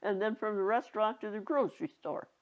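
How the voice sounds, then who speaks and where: A very old woman in her nineties reminiscing casually, halting and rambling, with a creaky aged voice. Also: mid-range voice. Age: 90s. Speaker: interviewee. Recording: dull lo-fi home recording.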